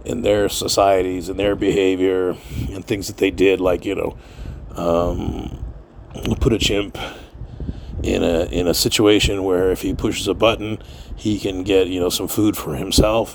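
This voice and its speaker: A middle-aged man, a podcast host with a deep voice, rambles through a casual monologue against slight background noise. He swears freely, drifts off on tangents, and laughs often.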